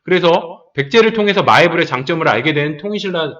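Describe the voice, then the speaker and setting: Animated male history lecturer, lo-fi. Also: a little high, far from the mic. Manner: lively and explanatory, acting out quick imagined dialogue. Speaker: history teacher. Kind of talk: exam-prep lecture.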